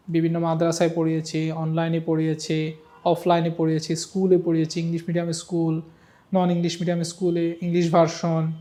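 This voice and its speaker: High-voiced man teaching Quran reading. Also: darkish tone. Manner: patient, repeats letter by letter, coaxing students to recite. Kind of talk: online Quran reading lesson.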